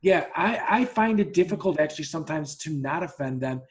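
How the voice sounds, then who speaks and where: A podcast host with a fairly high, lively voice tells a story at a fairly quick clip in a casual chat. He's blunt, swears freely, keeps restarting his sentences, and acts out both sides of the dialogue he quotes.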